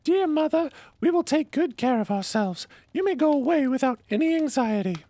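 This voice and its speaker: A man voicing a group of small, wary goat kids with squeaky, defiant cries. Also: expressive, normal speed, dark tone. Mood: polite.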